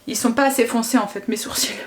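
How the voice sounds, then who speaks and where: A woman's voice: fairly high pitch, steady tone, quick pace, slight background noise. A woman vlogger and mother, chatting casually through a makeup tutorial, narrating each step with little interjections and often correcting herself mid-sentence. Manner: self-correcting, trails off and restarts often.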